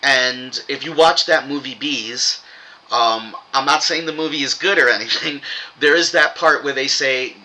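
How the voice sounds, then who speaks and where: A man's voice: medium pitch, unhurried, bright, forceful tone, a little hiss or hum, low-quality recording. A man giving a casual, rambling spiritual monologue in an informal way, with swearing. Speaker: religious commentator.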